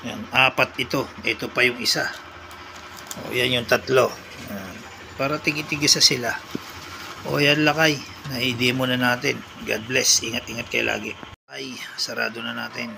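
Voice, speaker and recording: A man's voice: medium pitch, fairly even intonation, normal speed. A man with a Filipino accent giving a casual unboxing and demo chat as a vlogger. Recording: clear background noise.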